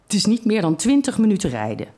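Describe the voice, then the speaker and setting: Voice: mid-range voice, huge pitch swings, fast, darkish tone, pitched above the performer's own voice. A reader voicing a chatty, scheming old grandmother who coaxes her family. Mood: coaxing.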